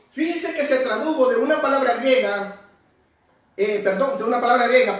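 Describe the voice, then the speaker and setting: A man preaching a sermon, explaining the words of a passage one by one and calling his listeners "brother". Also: very high voice. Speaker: pastor. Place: church hall. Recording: very echoey hall, far from the mic.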